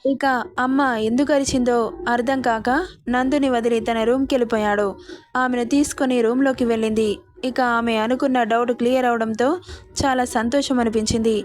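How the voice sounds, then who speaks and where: A woman narrating a romance story in a steady, expressive storytelling manner. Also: fairly high pitch, normal speed, soft background music.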